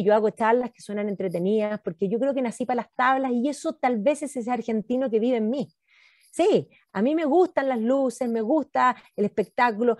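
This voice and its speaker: Woman, Chilean accent, emphatic, insistent, mellow tone, dry sound. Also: fairly high pitch, dry recording. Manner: emphatic, insistent, repeats for effect. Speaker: historian. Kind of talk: animated talk.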